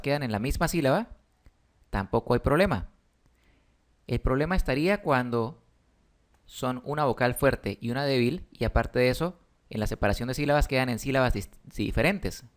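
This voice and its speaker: A man, patiently explaining a spelling lesson with emphatic stresses. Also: mid-range voice. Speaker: teacher.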